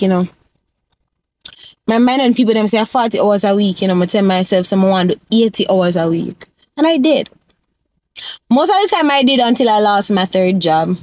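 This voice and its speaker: A young Jamaican woman talks straight to her viewers in a casual advice vlog. She slides between English and patois in a relaxed, chatty way. Her voice sits a little high and sounds close and dry, with no room echo. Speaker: vlogger.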